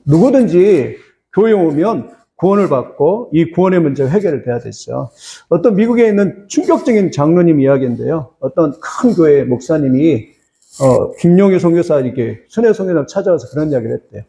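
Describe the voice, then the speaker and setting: A man's voice: fairly high pitch, lively intonation, fairly quick, creaky, mellow, echoey room. A male pastor preaching a sermon, telling a story in an earnest tone and putting questions to the congregation.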